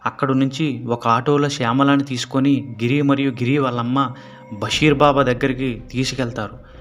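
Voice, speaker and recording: A man narrating a horror story in a steady storytelling manner. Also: mid-range voice, moderate pace.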